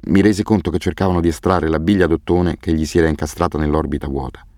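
Man, very low voice, audiobook narration, grave and measured, dry close sound. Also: fairly even intonation, darkish tone, no echo. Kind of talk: scripted narration.

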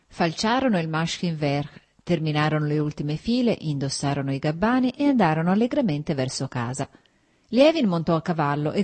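A woman narrating a classic novel as an audiobook in a measured, even reading. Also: low voice.

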